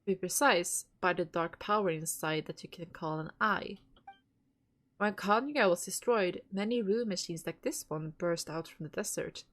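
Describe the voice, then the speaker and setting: Streaming a game with a stuffy nose, a woman in a fairly low, fairly bright voice reads lines aloud at normal speed, then chats casually with viewers, laughing and throwing in the odd curse.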